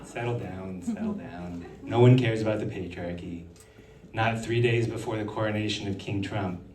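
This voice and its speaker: On stage in a hall, a man with a fairly low voice performs stand-up comedy, delivering his jokes with dry sarcasm at a moderate pace. The roomy recording is picked up from a distance with background noise.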